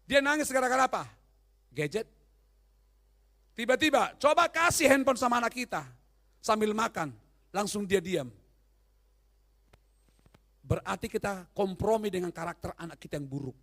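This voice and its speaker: A male pastor delivering a humorous, animated sermon and often quizzing the congregation. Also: sits high, moderate pace, pauses often.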